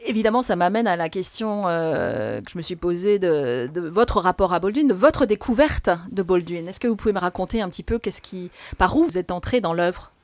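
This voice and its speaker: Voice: mid-range voice, animated, brisk, few pauses, a little mellow, no echo. An interviewer in conversation, following attentively with frequent short agreement and loosely phrased questions.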